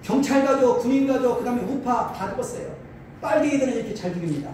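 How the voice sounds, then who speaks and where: A man's voice: extremely high pitch, lively intonation, fast talker, a little mellow. A male pastor from Chungcheong giving a combative political lecture to an audience, firing rhetorical questions and repeating his phrases for emphasis. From Chungcheong, Korea. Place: lecture hall. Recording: echoey hall from a distant mic, faint noise.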